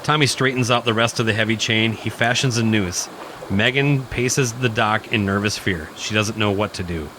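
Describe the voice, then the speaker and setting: Over prominent music and background noise, a male narrator reads a scripted horror radio play with suspense and theatrical flair. He has a lowish voice and keeps a moderate pace.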